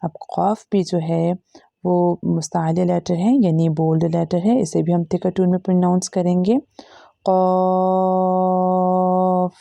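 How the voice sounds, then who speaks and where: A woman's voice: lowish voice, steady tone, moderate pace, creaky, dark tone, no echo. A woman teaching Quran reading, patiently drawing out and demonstrating each letter in a step-by-step lesson with an Urdu-Hindi accent. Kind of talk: slow step-by-step recitation lesson.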